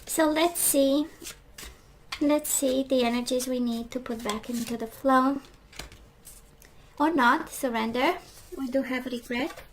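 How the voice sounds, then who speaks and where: Hoarse woman giving a tarot reading. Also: sits high, unhurried, long pauses, a little hiss or hum, poor audio. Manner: chatty, reflective, frequent "right?" and "we do have". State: losing her voice, clearing throat. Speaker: tarot reader. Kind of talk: casual tarot reading to camera.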